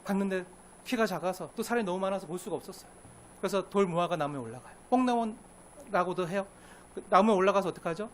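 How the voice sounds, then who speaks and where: A man's voice: high voice, quick pace. A male pastor preaching a sermon, asking the congregation questions and acting out quotes, with faint room noise behind.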